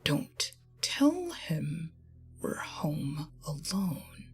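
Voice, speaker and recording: A woman's voice: sits low, very animated, drawn-out words, faint music behind, heavily acted. Woman narrator whispering as an anxious teen girl. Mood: hushed urgent. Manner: whispered, hushed.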